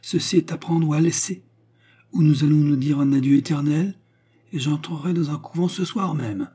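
Male reader playing a scheming young woman, husky, higher than his own voice, coaxing audiobook role. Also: moderate pace, mellow. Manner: pleading then commanding, coquettish. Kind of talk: audiobook reading.

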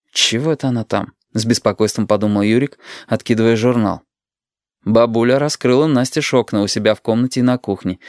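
A man reading a story aloud as narrator, calm and measured. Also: lowish voice, smooth, dry recording, studio quality. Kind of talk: audiobook reading.

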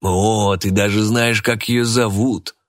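A man voicing a curt, hard-nosed police detective who speaks in a measured way. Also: on the low side, fairly even intonation.

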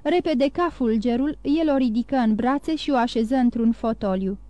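A woman narrating an audiobook in a steady, measured reading. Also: on the high side, dry recording.

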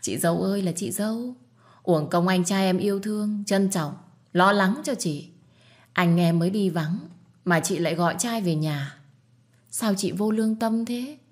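A whining, spiteful young sister-in-law who wails and accuses at the top of her voice, as a woman storyteller puts her on. Shrill and pushy, she pours fuel on every quarrel. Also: normal speed, close to an everyday voice. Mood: accusing. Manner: whiny, accusing, loudly crying.

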